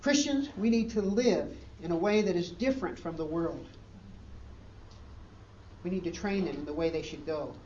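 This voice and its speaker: A man's voice: fairly high pitch, darkish tone, highs cut off, a little hiss or hum. A man preaching a sermon as pastor, in an earnest way, with emphatic rising questions, recorded from a distance in a church hall.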